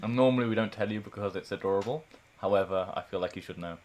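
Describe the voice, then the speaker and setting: Dry, deep-voiced Englishwoman, off-mic. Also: darkish tone. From England. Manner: dry, teasing, unhurried. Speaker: co-host handling snacks. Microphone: no mic of her own, picked up off-mic.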